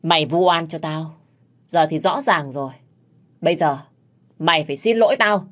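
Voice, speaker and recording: A woman voicing a fierce, hot-tempered young female servant who threatens roughly. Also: low-pitched, normal speed, lightly acted. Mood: demanding.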